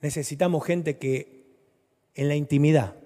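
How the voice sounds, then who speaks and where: A man with a Rioplatense Spanish accent preaching a sermon, swinging between loud, urgent lines and soft, low ones. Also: fairly even intonation, moderate pace. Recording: reverberant hall.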